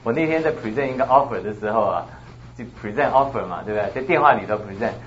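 A man teaching a church class in a loud, booming voice, chatting casually and mixing in English words. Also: dull audio, slight background noise. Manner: lively, quick, mixes in English words.

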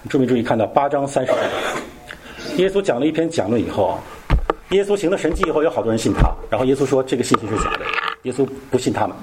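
A man's voice: medium pitch, lively intonation, very fast, heavy background noise. A man teaching a Bible study in a casual, conversational way, often asking his listeners questions.

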